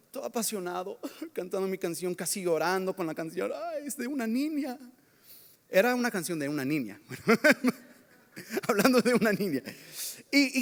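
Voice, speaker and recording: A high-pitched male pastor preaching from the pulpit. He tells stories about himself in a lively, self-mocking way. His voice echoes with the long reverb of a church sanctuary. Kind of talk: sermon with personal stories.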